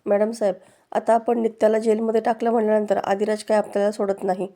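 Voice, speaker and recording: A woman voicing a nervous, deferential male henchman in a flat read. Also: medium pitch, quick pace, lightly acted. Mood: worried. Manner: worried, deferential.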